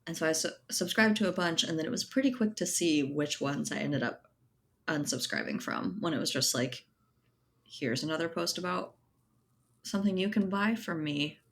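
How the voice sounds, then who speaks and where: A woman with a low, expressive voice talks at a normal speed as a guest on a casual podcast interview. A writer and editor, she thinks aloud and checks in with a conversational "right?" while explaining.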